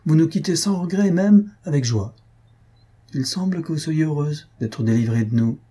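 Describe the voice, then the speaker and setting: A lovesick young student in a storybook, played by a male reader, pleading and reproachful. The voice stays mellow with a slightly husky grain. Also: lowish voice, moderate pace.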